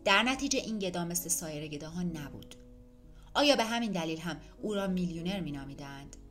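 A woman reads an audiobook in an even, measured way. Her voice sits on the low side, with faint instrumental music underneath. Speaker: narrator. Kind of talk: audiobook narration.

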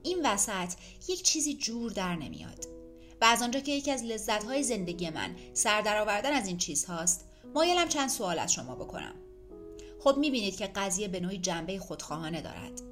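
A woman voicing an odd, curious beggar man nicknamed the millionaire, who asks calm, probing questions with a hint of amusement. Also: mid-range voice, soft background music.

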